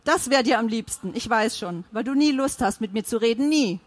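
A woman voicing a defiant, furious middle-aged wife firing back quick, heated retorts in an audiobook argument. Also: on the high side, lively intonation, no room sound.

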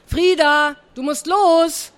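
A woman's voice: on the high side, big pitch swings, normal speed, soft background music. A woman reading aloud and voicing an impatient but kindly farm aunt, who calls out and scolds in a raised voice. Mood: calling.

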